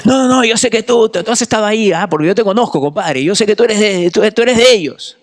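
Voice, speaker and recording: Preacher putting on loud high pushy bystander guy, keeps repeating his accusation. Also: very animated, unhurried, creaky, echoey room, long reverb tail, full character voice. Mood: accusing. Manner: repetitive, accusing.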